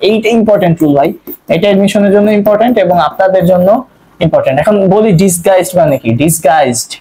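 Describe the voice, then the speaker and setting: A young man from Bangladesh teaching an online grammar lesson as an English tutor. He keeps asking quick questions and answering them himself, repeating each rule to drill it in. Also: sits high, warm tone, husky, rough recording.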